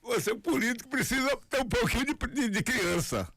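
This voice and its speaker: An older man co-hosting a radio interview who tells anecdotes in a halting way, with many restarts. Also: very high-pitched, lively intonation, gravelly, fairly bright tone, no room sound.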